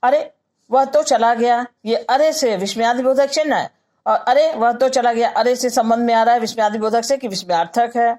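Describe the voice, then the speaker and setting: A woman with a Hindi accent teaching grammar in a patient lecture, saying example sentences slowly and then explaining each one. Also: on the high side, a little mellow.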